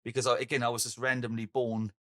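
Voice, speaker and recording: Animated English-born man, bright voice. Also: medium pitch, quick pace, dry recording, studio quality. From England. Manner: animated, swears and laughs easily. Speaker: podcast co-host. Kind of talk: casual chat.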